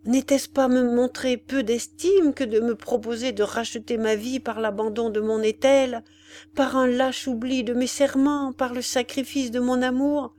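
A proud condemned young man answers curtly, bitter and wounded, as a woman narrator voices him. The voice stays fairly high, with a faint hum in the background. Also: fairly even intonation, unhurried, a little mellow, close to an everyday voice. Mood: reproachful.

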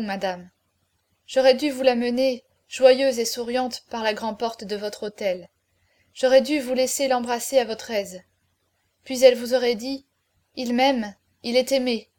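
A grave, noble hero facing his death speaks in solemn, measured sentences, read by a woman. The voice sits fairly high for the part and stays calm. It suits a classic adventure audiobook. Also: natural voice. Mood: remorseful. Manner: solemn, measured farewell speeches. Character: noble condemned male hero, grave and tender. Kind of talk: audiobook character reading.

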